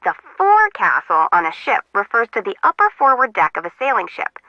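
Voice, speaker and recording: A woman with a medium pitch that swoops wildly talks fairly quickly in a dry recording. She voices a game's quirky young female harbor intern, a chatty young adult who rambles and jokes about herself, heard through a muffled, lo-fi sound.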